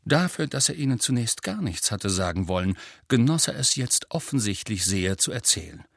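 A male narrator reads a fantasy audiobook in an even, measured way. His mid-pitched voice has a slight husk, and the recording is dry and close. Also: creaky, no room sound. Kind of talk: scripted narration.

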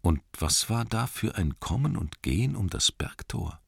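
Male audiobook narrator, calm, measured, deep, dry studio sound. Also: gravelly, breathy edge, no room sound. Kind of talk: scripted narration.

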